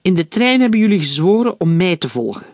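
Male narrator as a firm, commanding army captain in a storybook reading; raised pitch, close dry sound. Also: very animated, brisk, no echo. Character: stern commanding army captain, older man.

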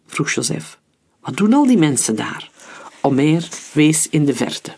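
A man's voice: very animated, measured pace, vocal fry, breathy edge. A man reading an audiobook story, shifting his voice for the dialogue. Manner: reads dialogue with shifts in pitch and loudness. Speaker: narrator. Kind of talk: audiobook narration with character voices.

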